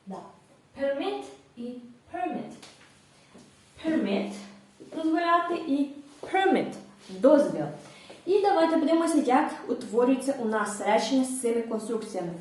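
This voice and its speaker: A woman teaching English grammar in a video lesson, explaining step by step in a clear, patient way with brief hesitations. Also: high-pitched, animated, moderate pace, pauses often, a little mellow. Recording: echoey room, mic at a distance.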